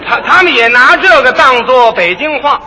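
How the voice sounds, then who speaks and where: A man leading a crosstalk comedy routine, explaining lively and mimicking street talk. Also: very high-pitched, normal speed, in a large hall, a crowd in the background, poor audio. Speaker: lead comic in a crosstalk duo.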